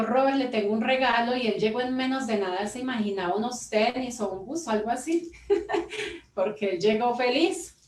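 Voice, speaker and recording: Earnest woman, echoey and distant. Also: fairly high pitch. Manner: earnest storytelling, acting out quoted dialogue. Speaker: mother giving testimony. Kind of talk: emotional personal testimony.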